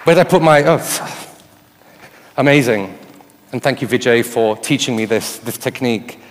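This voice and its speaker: Speaking at a measured pace in a mid-range voice, a man delivers a live talk from the stage of a large hall, repeatedly asking the audience rhetorical questions. Some chatter can be heard behind him, and the room sounds reverberant.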